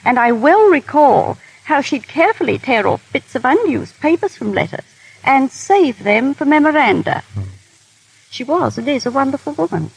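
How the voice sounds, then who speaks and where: A very animated woman with a high voice and vocal fry speaks at normal speed as a guest technical advisor and ex-royal dresser. She offers genteel, formal anecdotes in a scripted 1930s radio interview. The vintage broadcast audio is poor.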